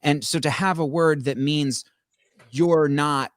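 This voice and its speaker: A man's voice: on the high side, steady tone, slow, dry recording, studio quality. A man in casual conversation, rambling with many restarts and stammers. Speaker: podcast co-host. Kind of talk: casual chat.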